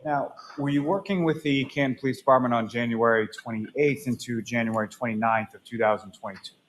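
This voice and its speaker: A man acting as prosecutor, putting slow, halting questions to a witness, often pausing on "uh" and clearing his throat. His mid-pitched voice comes through a courtroom recording with a faint hiss of noise underneath. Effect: heard through a courtroom recording.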